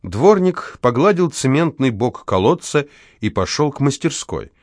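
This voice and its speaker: A man's voice: mid-range voice, very animated, unhurried, no echo, clean studio sound. A man reading fiction aloud expressively as an audiobook narrator. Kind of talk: scripted narration.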